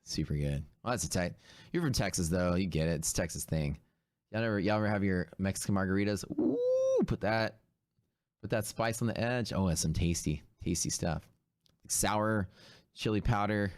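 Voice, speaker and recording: A man's voice: sits low, moderate pace, dry recording, studio quality. A hungover man chatting casually and in laid-back slang as he hosts a livestream. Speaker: host of a live day-trading stream.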